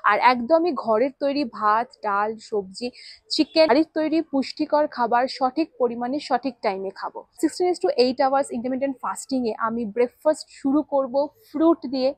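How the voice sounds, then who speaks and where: A woman's voice: sits high, normal speed, no room sound, poor audio. A woman, a vlogger laying out her rules step by step at home, slipping English words in. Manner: lists rules step by step, mixing English into Bengali. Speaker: fitness vlogger. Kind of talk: scripted-sounding vlog explainer.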